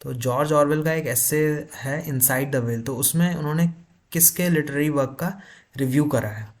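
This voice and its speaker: A man teaching literature for an exam, explaining in Hindi with terms and reading notes slowly. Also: a little high. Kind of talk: exam-prep lecture.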